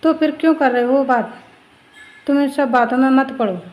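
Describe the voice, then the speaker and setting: A hurt young wife who speaks sternly and firmly, keeping her pain under control, in a family storybook tale, as a woman narrator puts her on, on a somewhat high pitch. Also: steady tone, moderate pace, dull audio, lightly acted. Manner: stern, firm.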